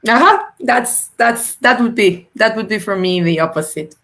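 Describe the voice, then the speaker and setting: A woman's voice: mid-range voice, animated, normal speed. A woman hosting a live stream, reading out viewer comments and chiming in. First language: Spanish. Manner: reads viewer comments, warm backchannels, laughs easily. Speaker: host.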